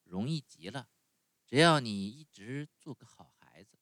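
A man softly voicing a gentle motherly fairy. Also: mid-range voice, expressive, measured pace, no echo, pitched above the performer's own voice.

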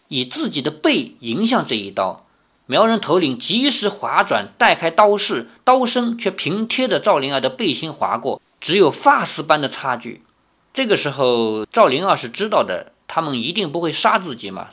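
A woman reads a novel aloud with a lively, swinging pitch. She tells it expressively and stops now and then for a casual aside to her listeners. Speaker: storyteller.

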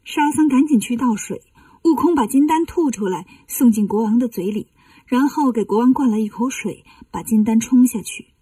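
Gentle woman telling a children's story. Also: fairly high pitch, normal speed, husky, no room sound, far from the mic. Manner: gentle, explaining. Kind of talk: scripted narration for children.

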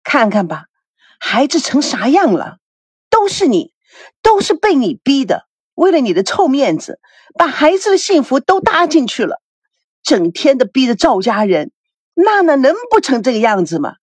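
Woman doing a worried mom nagging her husband, high shrill lively voice, husky. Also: moderate pace, no room sound, full character voice. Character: anxious nagging mother, middle-aged woman.

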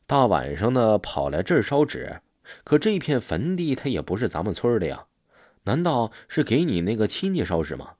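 A man's voice: fairly low pitch, wildly swooping pitch, normal speed, a little mellow, dry recording, clean studio sound. A man voicing a bold young village butcher who speaks bluntly and directly. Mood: questioning.

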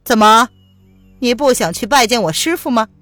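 A woman's voice: on the high side, animated, normal speed, fairly bright tone, no room sound, soft background music. A woman doing a sneering disguised envoy. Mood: impatient. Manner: scornful, commanding, sneering. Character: haughty, mocking fairy envoy, a man in disguise.

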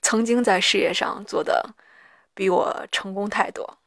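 Slow, hoarse, gravelly-voiced woman. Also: medium pitch, steady tone, a bit bright, no echo, clean studio sound. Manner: halting, reflective, pausing mid-sentence. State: hoarse after an hour of reading aloud. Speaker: solo audio diarist. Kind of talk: personal audio diary, reflective monologue.

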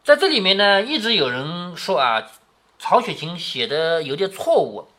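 A father reads a classic novel to his daughter, stopping to explain and repeatedly asking rhetorical questions. His voice is bright and clear, and his pitch rises and falls in a lively way. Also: moderate pace. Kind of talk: storytelling with commentary.

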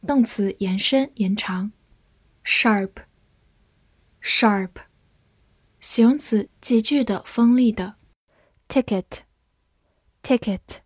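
A woman teaching English vocabulary in a deliberate drill, saying each word twice and then giving its part of speech and meaning. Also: a little high, darkish tone, slightly rough, dry recording.

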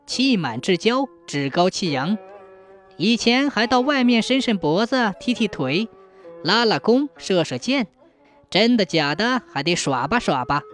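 An expressive storyteller narrating a folk tale with a lively, rising and falling delivery. Soft music plays faintly underneath. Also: medium pitch, unhurried.

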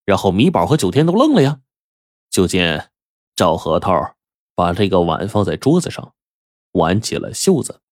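A man telling a traditional story in a lively, animated storyteller manner. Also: low voice, moderate pace, long pauses, no room sound, clean studio sound. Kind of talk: oral storytelling.

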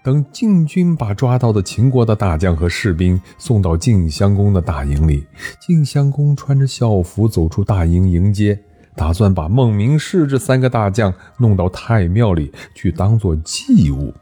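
A man's voice: on the low side, very animated, moderate pace, dark tone, breathy edge, faint music behind. A man telling an ancient history story, narrating with animation and voicing every character.

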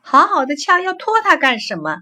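A woman's voice: high-pitched, huge pitch swings, moderate pace, bright, forceful tone, voice pushed up, full character voice. A woman voicing an anxious, kind-hearted blind male river clam who talks eagerly. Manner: eager, exclaiming.

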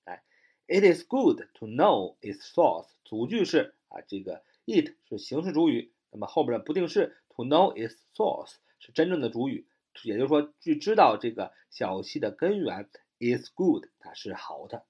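A man teaching English vocabulary in a lesson. He spells words out letter by letter, slows down for the English examples and fills his talk with a drawn-out "ah". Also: medium pitch, big pitch swings, darkish tone, breathy edge. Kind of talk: explanatory lesson.

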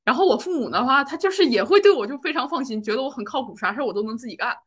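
A woman's voice: high-pitched, expressive, rapid-fire, breathy edge. A woman in her twenties, a podcast co-host, chatting casually about her own life and rambling through fillers and restarts. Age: 20s. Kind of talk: casual personal chat.

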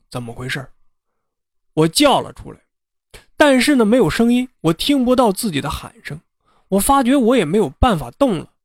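A man narrating a ghost story in an unhurried, conversational way. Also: high-pitched, no room sound, clean studio sound. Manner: unhurried, conversational telling with drawn-out particles.

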